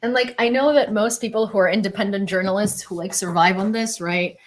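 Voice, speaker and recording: A woman's voice: mid-range voice, brisk, noisy background. A young woman reads out news headlines and rambles between them on a home webcam. She talks casually and self-consciously, full of fillers and restarts. She sounds like she is alone at a desk in her bedroom. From Ukraine. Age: young adult. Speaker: independent journalist. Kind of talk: casual news livestream commentary.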